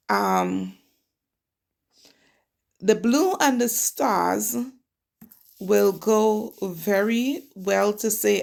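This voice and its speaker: A nail technician, middle-aged and from Trinidad and Tobago, chats informally while narrating her tutorial step by step. She has a gravelly, mid-range voice.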